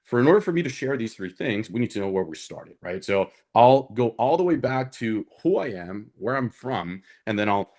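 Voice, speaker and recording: A man's voice: medium pitch, very animated, moderate pace, few pauses, darkish tone. A man from Honduras, speaking as an alumnus guest on a panel in an earnest, conversational way that often checks in with the listener. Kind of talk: conversational career talk on a panel.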